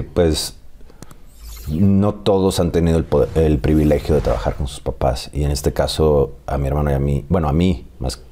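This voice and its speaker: Very deep-voiced Mexican man. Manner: animated storyteller, laughs often. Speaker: actor guest. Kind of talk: casual interview chat.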